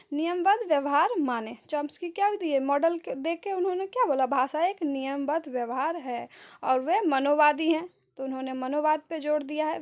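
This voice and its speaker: A woman giving an exam-prep lecture on linguistics, asking rhetorical questions and answering them herself, with example sentences. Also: high-pitched. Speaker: teacher.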